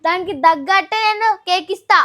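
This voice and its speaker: A young woman with a Telangana Telugu accent playing a bossy, caring hostel girl in an amateur skit, loud and pushy, repeating her questions. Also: very high voice, a little fast. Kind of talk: amateur comedy skit acting.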